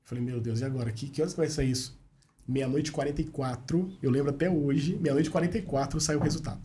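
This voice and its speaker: A journalist with a medium-pitched voice chats casually as a podcast guest, telling stories at a quick pace. He is an animated storyteller who acts out the dialogue he quotes, and the recording carries a little hiss or hum.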